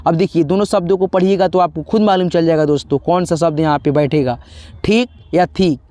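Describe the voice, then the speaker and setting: A man's voice: fairly high pitch, fairly even intonation, fast talker, dark tone, dry recording. A man teaching a beginners' spelling lesson, patiently spelling out each word letter by letter and repeating them. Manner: patient, repeats letters, addresses viewers as friends.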